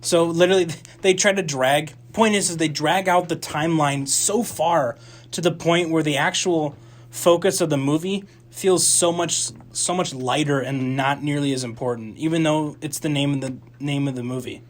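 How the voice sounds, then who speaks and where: On a campus radio movie show, a young co-host chats casually about films. His voice runs on the high side at a normal speed, and his talk is rambling and animated, packed with restarts and fillers.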